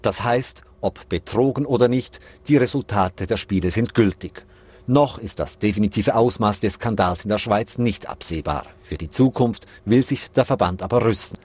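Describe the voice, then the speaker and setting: A man's voice: lowish voice, moderate pace, darkish tone, slightly rough. A male reporter reading a scripted radio news report in a formal way. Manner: formal, narrating.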